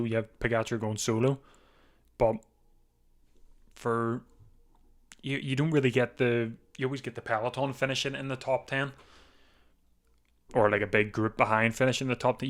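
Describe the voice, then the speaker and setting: Slightly hoarse man, mid-pitched, casual live-stream host, rambling and stumbling over words at his desk mic. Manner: rambling, repeats words, chuckles, clears throat often. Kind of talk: casual live race watchalong commentary.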